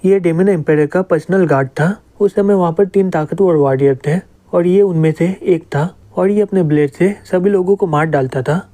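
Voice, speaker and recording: A wry talking magic book that explains things and teases its owner, as a man reads it out. The voice is mellow and slightly high. Delivery stays plain and matter-of-fact. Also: normal speed, few pauses, natural voice. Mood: knowing. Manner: explaining, teasing.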